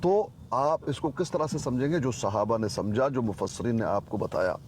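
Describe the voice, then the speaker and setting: A man's voice: medium pitch, darkish tone, slight background noise. A man in a heated religious debate who insists that translations are wrong and recites scripture in Arabic. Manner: insistent, repeatedly correcting translations.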